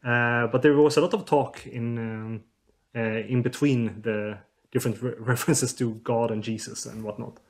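A man's voice: medium pitch, fairly even intonation, moderate pace. A researcher explains his work as a podcast guest. The man hesitates often and restarts his sentences with fillers. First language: Swedish. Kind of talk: podcast interview.

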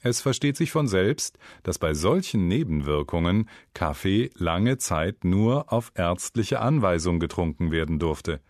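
A man with a low voice narrates an educational script for language learners. He tells it like a story, and his pitch rises and falls a lot. The sound is dry and close, like a studio booth. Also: unhurried, hardly any pauses, no room sound. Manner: lively, storytelling delivery. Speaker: narrator of a German learning program.

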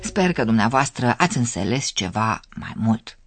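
A radio lesson host reading scripted narration clearly, explaining and addressing listeners directly. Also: medium pitch, big pitch swings, fairly bright tone, faint music behind.

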